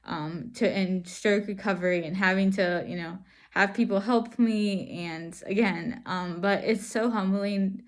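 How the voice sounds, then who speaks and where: A woman speaks from behind a face mask in a mid-pitched voice. She gives an earnest personal account to viewers, reflective and halting, often pausing to find her words. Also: steady tone. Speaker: vlogger sharing stroke recovery. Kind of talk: personal testimony to camera.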